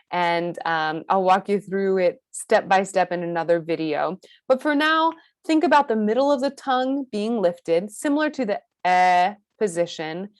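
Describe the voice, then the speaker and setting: A woman with an American accent teaching a pronunciation lesson, slowly modeling each vowel sound with careful explanation. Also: medium pitch, dry recording, clean studio sound. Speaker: accent coach.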